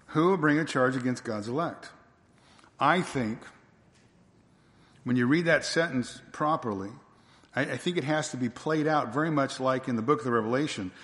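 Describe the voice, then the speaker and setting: A male preacher delivers a sermon in an emphatic style, hammering home rhetorical questions again and again. His voice sits at an ordinary middle pitch, and it rings out with the long reverb of a big church hall. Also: a bit bright.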